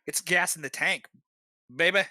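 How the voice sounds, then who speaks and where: Relaxed, bright-toned game master narrating a tabletop session; dry, close sound. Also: mid-range voice, moderate pace, no echo. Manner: relaxed, many "uh" fillers.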